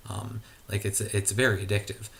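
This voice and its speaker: Low gravelly man rambling in a garage. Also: flat delivery, normal speed, a bit bright, slight background noise. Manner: hesitant, many fillers and restarts. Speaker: vlogger. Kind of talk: casual rambling monologue. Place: garage at home.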